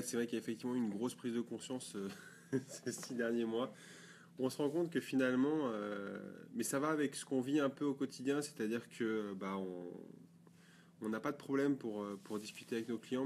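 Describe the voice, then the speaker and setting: A man's voice: medium pitch, a little mellow, slight background noise. A man co-hosting a photography blog video, chatting casually and rambling with fillers and restarts. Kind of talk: casual chat.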